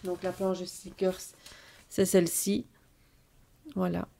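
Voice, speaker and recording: A woman showing off her scrapbooking purchases in a casual haul video, talking slowly and hesitantly with many fillers. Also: fairly low pitch, little pitch movement, creaky, dark tone.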